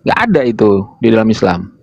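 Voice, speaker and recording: A man's voice: lowish voice, sing-song, brisk, gravelly, no room sound, dull audio. A man hosting an online religious debate, lecturing insistently and firing rhetorical questions.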